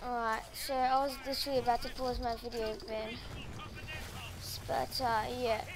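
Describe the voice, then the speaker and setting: High-voiced, excitable woman commenting on gameplay. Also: moderate pace, poor audio. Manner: rambling, excitable, with fillers.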